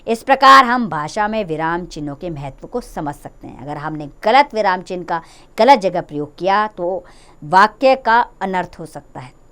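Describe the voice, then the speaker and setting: A woman's voice: on the low side, animated, normal speed, a bit bright, clear, resonant tone. A woman with a Hindi accent teaching a grammar lesson to children, friendly and explanatory, speaking to them directly.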